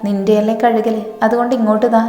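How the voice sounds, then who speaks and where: A woman voicing a nagging middle-aged mother who gives brisk, fussing commands. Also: fairly high pitch, flat delivery, mellow, natural voice. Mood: scolding. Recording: echoey, reverberant room with faint music.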